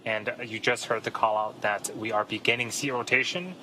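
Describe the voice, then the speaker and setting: A man giving live, explanatory launch commentary in an informative, measured way with frequent pauses. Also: fairly low pitch, fairly even intonation. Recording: faint background noise.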